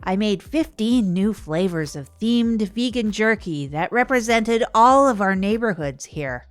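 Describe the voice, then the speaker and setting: In an improvised comic audio drama, a woman voices a rambling, wry radio show host who narrates her own attempts at self-improvement and wanders into digressions. She speaks unhurriedly in a smooth, natural, expressive voice of medium pitch, with no room sound.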